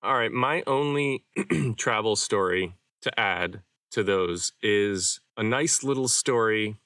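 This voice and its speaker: A man's voice: on the low side, slow pace, no room sound, studio quality, distant mic. A young man co-hosting a podcast, talking in a loose, rambling way with lots of filler words. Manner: relaxed, rambling with many "like" fillers. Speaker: podcast co-host. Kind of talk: casual chat.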